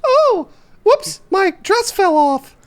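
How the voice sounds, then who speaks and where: A man voicing a squeaky, flustered young anime girl in a shrill falsetto. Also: very animated, slow pace, fairly bright tone, exaggerated voice.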